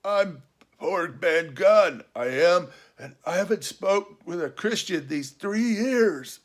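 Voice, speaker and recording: A man plays a half-crazed marooned sailor in an adventure storybook, sly and childish, rambling excitably in a rustic seafaring dialect. He pitches his voice high, above his own, and it comes out hoarse and awkward. He speaks slowly, in a plaintive mood.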